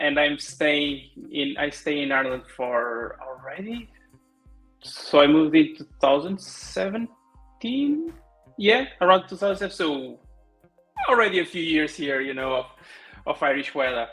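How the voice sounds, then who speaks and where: A man's voice: medium pitch, creaky, fairly bright tone. Portuguese-accented man, roomy video call. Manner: halting, many restarts and fillers. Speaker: guest software developer. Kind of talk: casual interview over video call.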